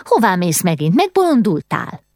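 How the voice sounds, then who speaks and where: A woman's voice: on the low side, huge pitch swings, darkish tone, dry recording, clean studio sound. A woman reading an audiobook, voicing a cheeky, outspoken little girl who scolds and mocks. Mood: scolding. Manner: mocking, scolding. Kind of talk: audiobook character voice.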